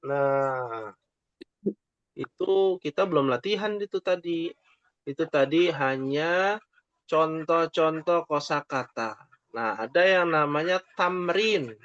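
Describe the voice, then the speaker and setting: Patient male teacher, slow drawn-out speech. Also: a little high, a bit bright, no room sound. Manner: slow, patient, drawn-out modelling of Arabic phrases. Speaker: Arabic teacher. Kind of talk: online class teaching. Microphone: online call microphone. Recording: dull lo-fi online audio.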